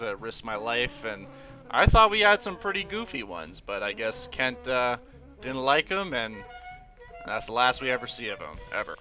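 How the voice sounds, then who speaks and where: A man's voice: mid-range voice, pushed and bright. A young man casually commentating a game, laid-back and slangy, laughing now and then. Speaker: gaming channel host.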